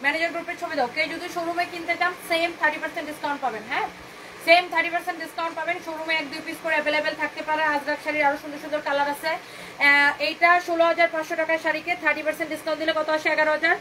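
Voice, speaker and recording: Hosting a live stream to sell clothes from her boutique, this woman talks high and fast, her level tone pushed and bright. She riffs on viewers' comments and repeats her chatty pitch for every item, dropping in English phrases. The rough recording has a faint hum of the room underneath.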